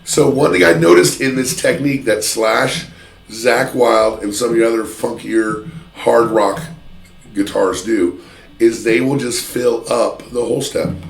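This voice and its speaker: A man teaching a guitar lesson in a chatty, self-deprecating way, pausing to play examples. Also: medium pitch, steady tone, creaky. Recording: roomy sound with loud guitar playing. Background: electric guitar playing.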